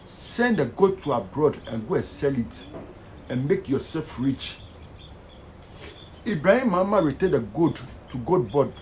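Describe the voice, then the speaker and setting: A man with a Ghanaian Pidgin accent rants with fervent, preachy energy. His voice sits a bit high and swings widely in pitch. There is faint noise behind him. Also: lively intonation, measured pace, a little mellow, low-quality recording. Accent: Ghanaian Pidgin English. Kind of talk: impassioned social media rant.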